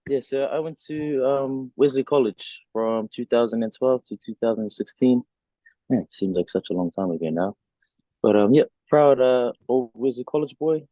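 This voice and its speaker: A man's voice: medium pitch, normal speed, no echo. A young man from New Zealand, a rugby player answering interview questions casually with lots of fillers over a video call. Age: young adult. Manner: relaxed, many fillers and restarts. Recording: dry tinny video call audio.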